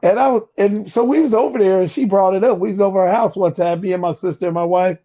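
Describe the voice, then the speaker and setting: A man's voice: sits high, fairly even intonation, fast talker, mellow. A man co-hosting a casual talk show, speaking in a laid-back, slangy and emphatic way. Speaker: co-host. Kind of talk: casual chat. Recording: dull, slightly lo-fi sound.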